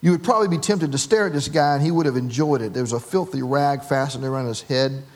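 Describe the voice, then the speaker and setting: A man's voice: mid-range voice, quick pace. A man preaching a sermon, telling a humorous story with voices for the people in it. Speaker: pastor.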